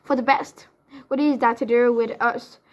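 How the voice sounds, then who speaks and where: A woman's voice: fairly high pitch, steady tone, moderate pace, close to an everyday voice. A woman voicing an angry, proud male centaur in a storybook reading, with harsh, scornful delivery.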